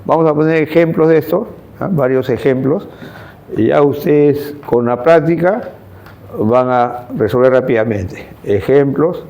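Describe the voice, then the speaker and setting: Male lecturer, Peruvian Spanish accent, slow deliberate dictation, dark tone. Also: mid-range voice. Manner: slow, deliberate dictation of formulas, frequent tag questions. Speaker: university math lecturer. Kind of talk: classroom lecture.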